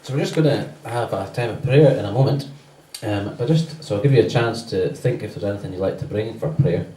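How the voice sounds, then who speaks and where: Low, mellow man giving church notices, chatty, in a roomy church. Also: fairly quick, slight background noise. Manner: loose and conversational, many fillers. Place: church hall. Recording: roomy church sound from a distance.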